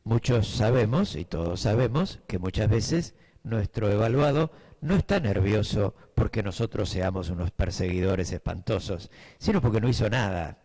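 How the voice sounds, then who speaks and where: A man's voice: on the low side, animated, moderate pace, few pauses, a little mellow, slightly rough. A middle-aged man with a Buenos Aires accent giving a class to teachers, thinking aloud with fillers and often checking that his listeners follow. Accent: Buenos Aires Spanish. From Buenos Aires, Argentina. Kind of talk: lecture to teachers.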